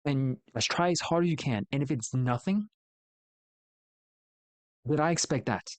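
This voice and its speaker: A man's voice: medium pitch, animated, unhurried, no room sound. A man streaming solo, casually thinking aloud in a rambling, opinionated way and often correcting himself mid-sentence. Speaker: VTuber streamer.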